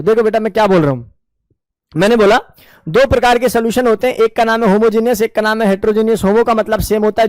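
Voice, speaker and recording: A high-pitched man teaches a chemistry class in Hindi, mixing in English terms as he lectures. He asks his students questions and answers them himself in a coaxing, affectionate way. The recording has no room sound.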